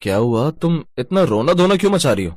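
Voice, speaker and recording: An impatient young husband in a cartoon story, voiced by a man, brushing off the fuss. The voice sits fairly high for a man and sounds dry and close. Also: very animated, fairly quick, dry recording. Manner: impatient, dismissive.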